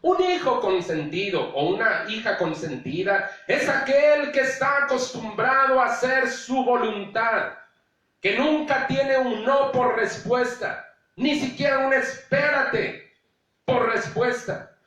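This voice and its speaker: A man's voice: very high-pitched, takes it slowly, pushed and bright. A man preaching a sermon as pastor, at times acting out indulgent parents. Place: church. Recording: very echoey room, distant mic.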